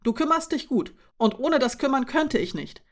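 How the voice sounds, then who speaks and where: A woman's voice: high voice, sing-song, moderate pace, voice pushed up. A woman reading aloud voices a frustrated young woman who is angry about her dependence, speaking in a heated, raised voice.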